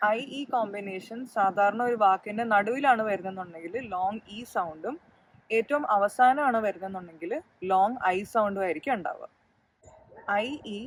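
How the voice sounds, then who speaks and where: A woman's voice: medium pitch, poor audio. A woman hosting her own channel and teaching English pronunciation in a patient, step-by-step explanatory lesson.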